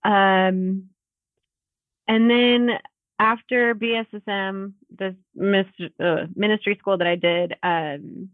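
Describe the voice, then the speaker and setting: Speaking slowly in a mid-range voice with fairly even intonation, this thirty-something woman is a podcast guest on a video call. She laughs often and uses plenty of fillers in the relaxed interview. There's no room sound, though the audio comes through tinny and phone-like.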